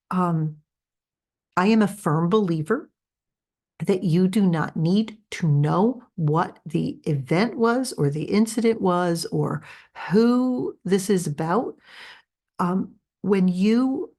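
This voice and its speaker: A woman hosting a spiritual healing podcast, speaking in a soft, earnest, reassuring way with frequent restarts and tag questions. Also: lowish voice. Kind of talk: gentle guided spiritual talk.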